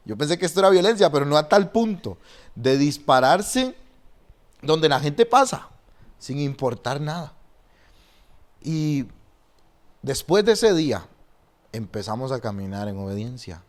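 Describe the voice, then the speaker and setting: A man who is a pastor, telling stories and preaching in a lively way and often restarting his sentences. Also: fairly high pitch. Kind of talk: animated storytelling and preaching in a podcast conversation.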